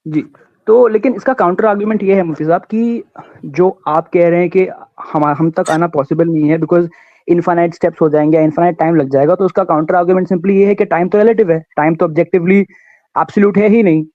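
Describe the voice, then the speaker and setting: Guy calling in from india over a muffled call line, kinda high voice, earnest, keeps stopping to find words. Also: steady tone, no room sound. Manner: halting, searching for words, earnestly argumentative. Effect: heard over a call line. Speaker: caller. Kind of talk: call-in debate question. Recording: dull lo-fi call audio, dry.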